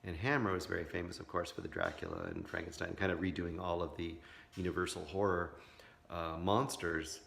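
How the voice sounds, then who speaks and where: A man's voice: low voice, lively intonation, a little fast, vocal fry, a bit bright. A tired man in his fifties chatting casually and rambling in a late-night vlog, with many fillers. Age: 50s. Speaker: vlogger.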